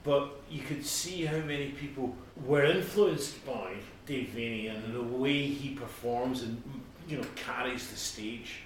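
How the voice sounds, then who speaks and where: A man's voice: mid-range voice, measured pace, hardly any pauses. Middle-aged man chatting unscripted in an echoey room. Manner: rambling, conversational. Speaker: podcast co-host. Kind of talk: natural unscripted casual chat about music. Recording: very echoey room, distant mic, faint noise.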